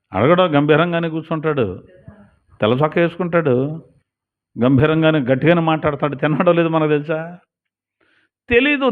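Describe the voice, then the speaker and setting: A man preaching a sermon, telling stories and acting out short dialogues as he goes. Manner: lively storytelling preacher, acts out little dialogues with shifting pitch. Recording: tinny phone-like sound.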